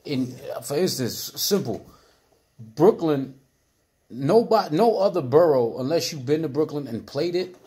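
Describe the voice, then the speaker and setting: A man's voice: on the high side, animated, unhurried, dark tone. A man telling a story in a casual group discussion, acting out quotes.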